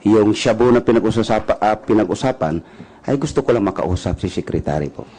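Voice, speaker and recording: A man gives testimony at a formal hearing in a low, dark, mellow voice. He answers with polite deference, halting and restarting his sentences as he goes. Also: lively intonation, slight background noise, rough recording. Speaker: witness at a hearing. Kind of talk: testimony under questioning.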